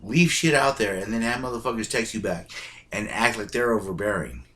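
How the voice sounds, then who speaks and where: A man's voice: fairly low pitch, expressive, brisk, pushed and bright. Blunt, foul-mouthed ranting man. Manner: blunt, heavy swearing, emphatic. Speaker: vlogger. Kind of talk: profane ranting monologue.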